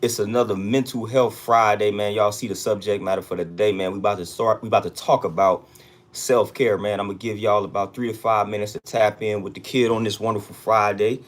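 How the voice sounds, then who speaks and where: A man's voice: fairly low pitch, steady tone, a little fast. An American man hosting a casual livestream check-in, talking in street slang and repeating hype catchphrases. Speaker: livestream host.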